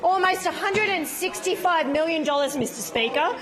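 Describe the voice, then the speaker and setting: High-pitched Australian woman making a political speech. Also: animated, moderate pace, crowd noise. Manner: emphatic, repeats phrases for rhetorical effect. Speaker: opposition member of parliament. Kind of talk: parliamentary speech. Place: parliamentary chamber.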